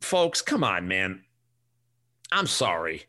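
Speaking slowly in a low, sharp voice with big pitch swings, a middle-aged Chicago-area man hosts his casual solo podcast. He has a Chicago accent and rants in a blunt, profane, rambling manner.

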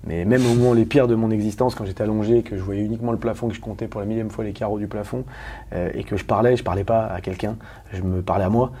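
A man from Paris, a guest talking candidly in an interview, rapid and emphatic with many restarts and questions to the listener. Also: lowish voice, fairly even intonation, mellow, breathy edge. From Paris, France.

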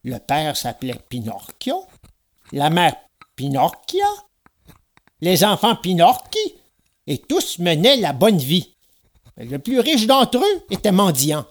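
A man's voice: sits high, wildly swooping pitch, slow, long pauses, exaggerated voice. A man reading a storybook aloud, voicing a fussy, easily vexed old woodcarver with theatrical exclamations. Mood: musing.

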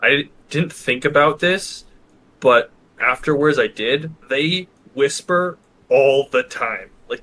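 A man's voice: mid-range voice, bright, forceful tone. A man playing a tabletop game, chatting casually about rules, with some noise in the recording. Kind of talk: casual chat.

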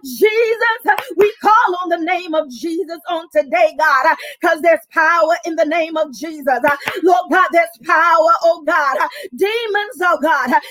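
High-pitched woman preacher praying fervently. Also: moderate pace, hardly any pauses, a bit bright, no echo. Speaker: preacher leading prayer. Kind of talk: fervent Pentecostal-style intercessory prayer.

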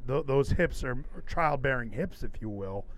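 A man hosting a podcast with casual comedic commentary, ranting in an animated, sarcastic way. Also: mid-range voice, normal speed. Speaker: podcast host.

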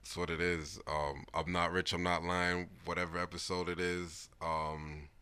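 A man's voice: deep voice, level tone, moderate pace, bright, forceful tone, slight background noise. A man hosting a podcast in casual banter, with an urban Toronto slang accent and a joking, boastful, repetitive way of talking. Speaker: podcast host.

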